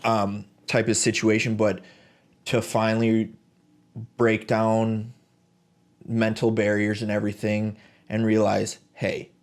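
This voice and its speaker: A man with a low, gravelly voice co-hosts a casual podcast. He speaks in a flat, even tone, reflective and halting, full of ums and restarts. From United States. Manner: reflective, halting with many fillers. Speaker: podcast co-host. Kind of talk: casual chat.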